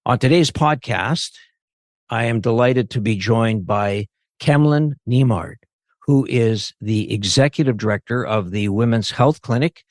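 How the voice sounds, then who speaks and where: A man hosting a podcast. He reads a formal introduction in a measured way and then asks looser, conversational questions. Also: medium pitch, darkish tone, no room sound, studio quality. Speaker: podcast host. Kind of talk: scripted introduction and interview questions.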